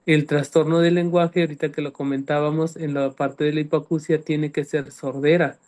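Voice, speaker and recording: A man's voice: a little high, flat delivery, moderate pace, darkish tone. A man, a speech-language specialist, explaining clinical terms in a panel talk and often checking that listeners follow. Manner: didactic, checks understanding with "¿sí me explico?".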